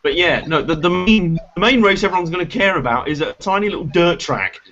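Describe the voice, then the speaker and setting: A man's voice: high-pitched, lively intonation, a little fast, sharp tone, faint music behind. A British man hosting a casual motorsport chat show over a video call, rambling and joking at his own expense. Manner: chatty, rambling, self-mocking jokes. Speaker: show host. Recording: slightly dull lo-fi audio with faint hiss.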